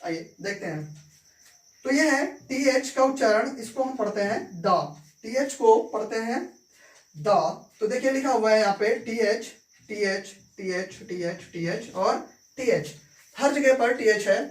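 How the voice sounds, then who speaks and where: A woman teaches English consonant sounds, speaking very slowly and repeating each word and its meaning. Her voice sits a little high, and it comes from a distance in an echoey room with crickets faint behind her. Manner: slow, repeats words and meanings, checks with "ठीक है". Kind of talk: phonics lesson in Hindi.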